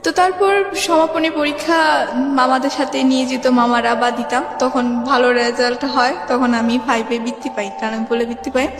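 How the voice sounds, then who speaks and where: Telling her life story as a guest, this young adult woman with a Bangladeshi accent rambles casually and frequently quotes remembered conversations. She speaks at a moderate pace in a high voice with fairly even intonation. A hall's reverb echoes around her, and music plays in the background.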